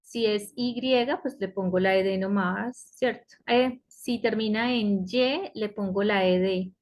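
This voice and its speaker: A woman teaching an online English class, explaining slowly and patiently and often checking in with her students. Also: medium pitch, darkish tone. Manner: slow, patient explaining with frequent checks like "¿cierto?". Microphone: computer mic on a web conference.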